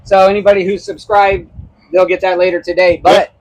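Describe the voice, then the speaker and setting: A man's voice: high voice, little pitch movement, brisk, highs cut off, noisy background. A man co-hosting a casual barbecue cooking demonstration outdoors, enthusiastic and explaining step by step. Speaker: barbecue show co-host.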